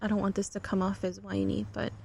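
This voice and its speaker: Podcast guest, woman, raised in the United States; earnest, gravelly, mid-pitched. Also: flat delivery, fast, mellow. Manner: earnest, speaks in long reflective runs. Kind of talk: casual interview talk.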